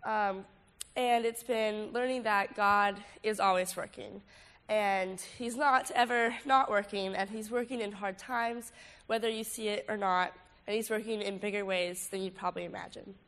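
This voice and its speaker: A woman's voice: mid-range voice, fairly even intonation, normal speed, a bit bright. A woman in her late teens with a congested, stuffy nose, giving an informal, casual testimony talk to a group while sick. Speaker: student speaker at a youth ministry gathering.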